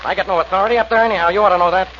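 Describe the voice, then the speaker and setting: An actor playing a sarcastic, blustering police homicide inspector in a 1940s radio crime drama. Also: male voice, high-pitched, steady tone, rapid-fire, close to an everyday voice. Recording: dull old radio recording, faint noise.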